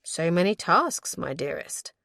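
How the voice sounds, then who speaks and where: A woman's voice: sing-song, unhurried, gravelly, pushed and bright, no echo, studio quality, full character voice. A woman doing a doting, wry young lord. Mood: tender. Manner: low, murmuring, wry.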